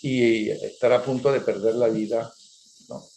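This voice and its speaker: A man's voice: mid-range voice, steady tone, unhurried, dark tone, slight background noise. An older man with a Venezuelan accent runs a conversational interview, firing leading questions and wandering into asides. His voice sits mid-range, and the recording carries a noticeable roomy echo. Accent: Venezuelan Spanish. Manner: digressive, leading questions, frequent "¿ok?" and "¿no?" tags. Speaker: interview host.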